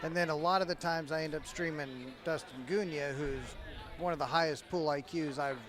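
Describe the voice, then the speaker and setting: A man's voice: on the high side, fairly even intonation, normal speed. A man commentating a pool match in casual live chat, talkative and teasing. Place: busy convention hall by a pool tournament. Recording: live event with crowd noise and music.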